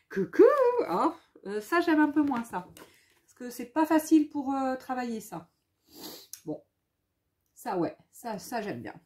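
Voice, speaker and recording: High-pitched woman, slow and chatty, craft haul vlog, thinks out loud. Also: animated. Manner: chatty, thinks aloud, repeats words, reads English labels slowly. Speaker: scrapbooking vlogger. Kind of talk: casual haul chat, showing products.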